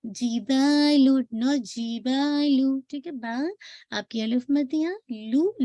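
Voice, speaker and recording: A woman's voice: fairly high pitch, dark tone, no echo. Patient woman teaching recitation. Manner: patient, drawn-out modelled syllables, frequent checking questions. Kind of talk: tajweed lesson, slow modelled recitation.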